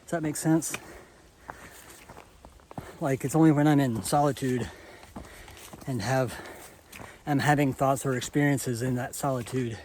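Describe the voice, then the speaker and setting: A man's voice: mid-range voice, darkish tone. Brief: winded male hiker, musing outdoor vlog, light background noise. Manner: musing, halting, thinks aloud. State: out of breath. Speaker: hiker vlogger. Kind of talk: reflective vlog while walking. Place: outdoor forest trail. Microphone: camera on a selfie stick, held at arm's length and farther.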